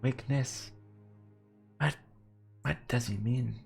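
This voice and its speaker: Reading a visual novel live for his stream, a man delivers the narration slowly and playfully, adding stammered reactions along the way. His medium-pitched voice is creaky with a breathy edge, layered over game music.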